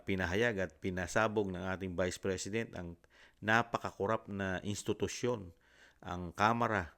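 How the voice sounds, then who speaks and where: Filipino male commentary host, deep low voice, hesitant and courteous. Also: a bit bright, smooth. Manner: polite, halting, many fillers. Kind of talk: casual commentary.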